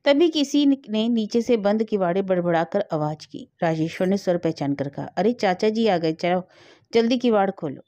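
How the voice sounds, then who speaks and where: Woman reading a story in a mellow voice. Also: medium pitch, lively intonation, normal speed, no echo. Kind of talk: scripted story narration.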